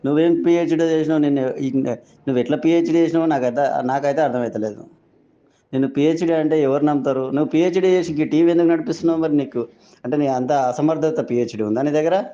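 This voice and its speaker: A man with a Telangana Telugu accent leaving a phone voice message, scolding and accusing someone with rapid-fire questions. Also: on the high side, mellow, lo-fi sound. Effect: recorded phone voice message. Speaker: angry member of the public. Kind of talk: angry ranting voice message.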